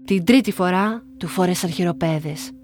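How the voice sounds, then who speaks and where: A young woman from Greece reading her own story aloud in a calm, measured way. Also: on the low side. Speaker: narrator. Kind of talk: scripted first-person narration. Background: faint music.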